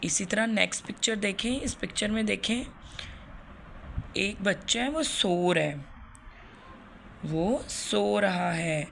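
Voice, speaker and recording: A woman's voice: medium pitch, takes it slowly, creaky, pauses often, a bit bright, slight background noise. A woman with a Pakistani Urdu accent teaching a grammar lesson to young children, repeating words and asking questions she then answers herself.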